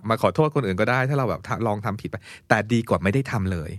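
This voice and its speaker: A man's voice: on the low side, no echo. A man co-hosting a podcast who talks through a book in a casual way and runs through its points in numbered order. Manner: brisk, walks through points in numbered lists. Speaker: podcast co-host. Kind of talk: casual book-discussion chat.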